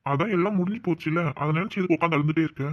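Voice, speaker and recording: A woman's voice: lowish voice, rapid-fire, muffled recording, natural voice. A woman voicing a persistent, affectionate young man in a cartoon. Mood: firm. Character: young man, devoted and playful suitor. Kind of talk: cartoon voice acting.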